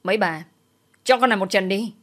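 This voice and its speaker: A woman's voice: medium pitch, a little fast, natural voice. A woman voicing a furious middle-aged woman who screams accusations. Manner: screeching accusations.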